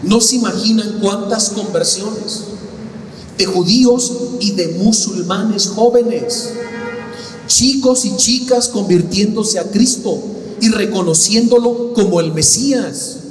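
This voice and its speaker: A man's voice: high voice, takes it slowly. A man giving a sermon, telling a story with acted-out dialogue and asking the audience questions. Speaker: lay preacher. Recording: roomy hall, from a distance, faint noise.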